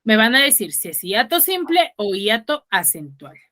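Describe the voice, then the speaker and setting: Bright-voiced woman teaching online class. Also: on the high side, sing-song, moderate pace. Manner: patient, explains step by step, checks in with "¿ya?". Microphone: video call.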